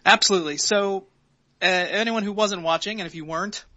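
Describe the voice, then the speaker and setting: A man hosting a casual sports podcast, recapping plays in quick, wry detail. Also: high voice, pushed and bright, no room sound, muffled recording. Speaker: podcast host.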